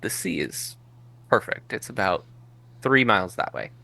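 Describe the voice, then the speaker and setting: Man voicing a calm, deadpan caretaker guide in a tabletop game, low and bright. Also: moderate pace, vocal fry, no echo, full character voice. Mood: matter-of-fact. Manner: calm, matter-of-fact, unbothered by sarcasm. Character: calm male caretaker of a paradise, former teacher.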